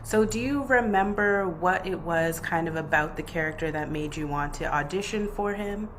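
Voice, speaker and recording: A woman's voice: lowish voice, normal speed, fairly bright tone, a little hiss or hum. A woman hosting an interview, asking enthusiastic questions, chatty with many fillers. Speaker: interviewer host.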